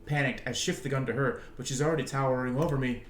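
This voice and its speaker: A man reads a game's narration aloud for his stream, animated and chuckling as he goes. His voice sits at an ordinary middle pitch in a roomy, echoey space with faint ambience. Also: fast talker, a little hiss or hum. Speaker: streamer reading a game aloud. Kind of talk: reading game narration aloud.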